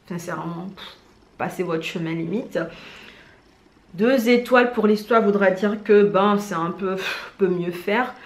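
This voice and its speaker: A woman vlogger chatting casually in an animated, slangy, self-mocking way as she gives recommendations. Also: mid-range voice, unhurried, long pauses. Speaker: vlogger presenting drama recommendations. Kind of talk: casual chat to camera. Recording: roomy indoor echo.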